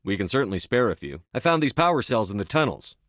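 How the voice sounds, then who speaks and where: A man's voice: lowish voice, very animated, fast talker, a bit bright, dry recording, studio quality. A man voicing a resolute military space commander in a video game, speaking in a terse, controlled, authoritative manner. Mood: calm, inquiring. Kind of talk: video game dialogue acting.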